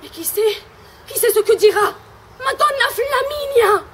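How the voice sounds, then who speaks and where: A woman's voice: very high voice, animated, unhurried, crowd noise. An actress playing a dramatic young lady in love, with declamatory stage delivery. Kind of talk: live commedia dell'arte stage comedy.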